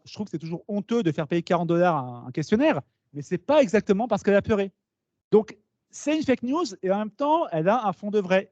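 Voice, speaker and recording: A man giving a lively conference talk to students, explaining with asides and questions to the audience. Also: high-pitched, no room sound. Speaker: speaker at a talk. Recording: dull, slightly lo-fi meeting recording.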